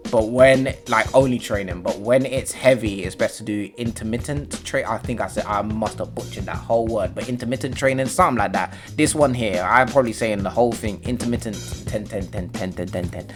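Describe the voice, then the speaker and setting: A young man giving casual, slangy commentary on a football game. He rambles and breaks into sudden loud, excited outbursts. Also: on the low side, a little fast, hardly any pauses, over music. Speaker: gaming YouTuber.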